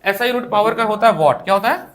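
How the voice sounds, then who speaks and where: High-voiced Indian man teaching physics. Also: fast, fairly bright tone. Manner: asks questions and answers them himself. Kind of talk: classroom lecture. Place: classroom with students.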